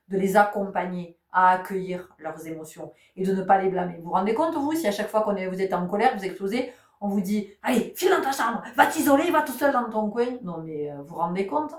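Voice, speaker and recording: A woman's voice: on the low side, brisk, a little mellow, far from the mic. A woman giving a spiritual teaching talk. She repeats her key words and asks many rhetorical questions. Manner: says she is not giving medical advice. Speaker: spiritual channel host. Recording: roomy sound, voice set back from the mic.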